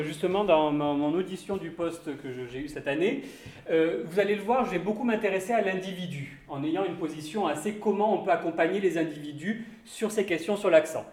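A man's voice: on the high side, a little mellow, reverberant. A man giving an academic conference talk on accents, thoughtful and hedging, with many fillers and restarts. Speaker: lecturer on accents.

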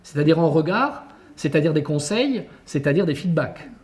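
Animated, mellow-voiced man giving a lecture. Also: a little high, normal speed. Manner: animated, emphatic, poses rhetorical questions. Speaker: education researcher addressing teachers. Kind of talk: conference lecture.

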